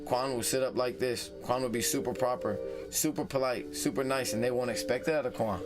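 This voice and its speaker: A man's voice: medium pitch, brisk, over music. A man hosting a casual advice vlog, heated and profane, who repeats phrases for emphasis. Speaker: vlog host.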